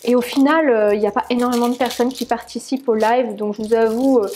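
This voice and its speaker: A woman's voice: a little high, steady tone, fast, a little mellow, a little hiss or hum. Chatty woman cooking at home. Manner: chatty, many fillers, narrates while cooking. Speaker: cooking vlogger. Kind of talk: casual cooking tutorial. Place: home kitchen.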